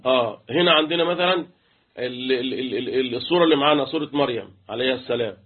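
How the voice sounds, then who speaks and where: The recording is tinny and phone-like: a man with an Egyptian Arabic accent gives an interactive tajweed lesson, chanting letters and questioning his students about Quran recitation rules. His mid-range voice is breathy at the edges, and he speaks very fast.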